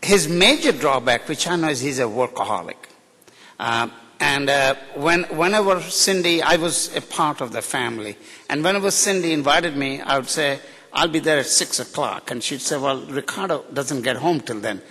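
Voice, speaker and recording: In a large, echoing hall, a middle-aged man from India stands at a podium microphone giving a joking, unrehearsed tribute as a ceremony's guest speaker. He sounds a little high, animated and bright, speaking at normal speed with a forceful tone and a breathy edge. His Indian English mixes in British and American features, and he's candid and outspoken.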